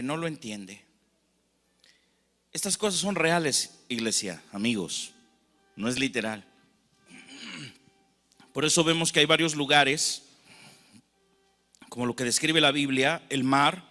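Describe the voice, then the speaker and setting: A man's voice: a little high, lively intonation, slow pace, pauses often, bright, forceful tone, long reverb tail, soft background music. A man with a Mexican accent preaching a sermon as pastor, telling stories and acting out the people in them. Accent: Mexican Spanish. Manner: storytelling preacher acting out anecdotes.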